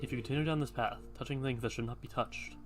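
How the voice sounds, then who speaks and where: A man voicing a stern company veteran in a video game, speaking formally and with measured, ominous caution. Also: mid-range voice, steady tone, over music, natural voice. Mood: ominous warning. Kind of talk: video game cutscene acting.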